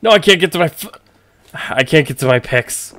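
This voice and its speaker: A man voicing a greedy, reckless male thief in a game, excitable, exclaiming and pleading. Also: a little high, moderate pace. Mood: alarmed. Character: greedy, reckless male thief who panics when trapped.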